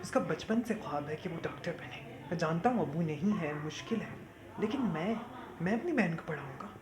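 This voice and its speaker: A performer voices an earnest young man who reassures his family as their elder brother. His delivery is steady and calm. The sound is echoey, with steady background noise. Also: mid-range voice, brisk, natural voice. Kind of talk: amateur short-film acting.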